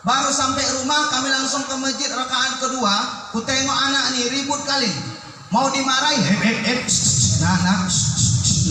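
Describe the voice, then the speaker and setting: Lively man preaching. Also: extremely high pitch, slight background noise. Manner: lively storytelling, acting out the people in his stories. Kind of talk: sermon. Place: mosque hall. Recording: echoey mosque hall from far off, crowd.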